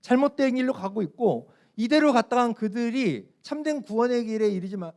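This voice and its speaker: A man's voice: extremely high pitch, darkish tone. A young man in a church youth service, preaching to middle schoolers in a playful, storytelling way with asides to the audience. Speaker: youth pastor.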